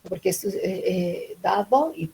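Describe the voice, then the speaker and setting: A woman's voice: on the low side, normal speed, vocal fry, darkish tone, a little hiss or hum, poor audio. A woman teaching a phonology class, explaining patiently with many "¿no?" tags and fillers. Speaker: linguistics teacher. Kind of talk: online phonology lecture.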